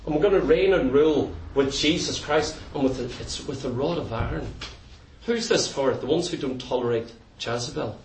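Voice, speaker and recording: A man's voice: mid-range voice, normal speed, slight background noise. A man preaching a sermon to his church, fervent and emphatic, driving his points home with repetition. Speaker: pastor. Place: church sanctuary. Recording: echoey hall, distant mic.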